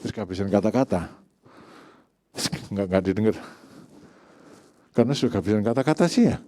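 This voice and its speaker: A male pastor, preaching a lively sermon that swings from high, pleading mimicry down to low, quiet emphasis. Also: fairly quick, dry recording.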